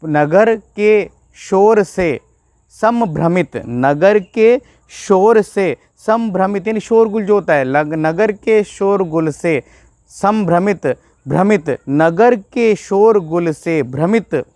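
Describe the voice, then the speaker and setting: A man's voice: sits high, takes it slowly, darkish tone, dry recording, clean studio sound. A male Sanskrit teacher explaining a verse line by line, repeating each phrase and then glossing it. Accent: Rajasthani Hindi.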